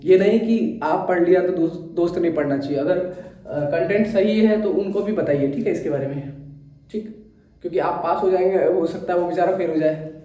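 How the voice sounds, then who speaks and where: A young man teaches maths in a chatty way. His voice is high and dark-toned. It rings around a very echoey room, heard from a distance. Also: fairly quick. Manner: chatty, checks in with "theek hai" often. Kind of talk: explaining a maths exam solution.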